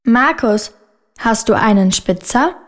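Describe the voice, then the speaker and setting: A woman voicing a friendly schoolgirl in a textbook listening dialogue, speaking slowly and clearly. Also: on the high side, animated, no room sound, clean studio sound. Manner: slow, careful, clearly spoken.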